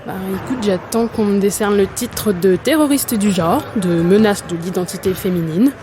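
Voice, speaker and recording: In a naturalistic French audio drama, a young adult woman plays a young athlete who is embattled and doubtful, coming across as weary and candid. Her mid-range, natural voice moves at a moderate pace, earnest and colloquial, over a noisy background.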